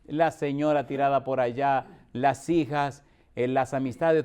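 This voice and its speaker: A man's voice: mid-range voice, darkish tone. A middle-aged male pastor from the Dominican Republic, preaching a storytelling sermon with rhetorical questions and acted-out dialogue.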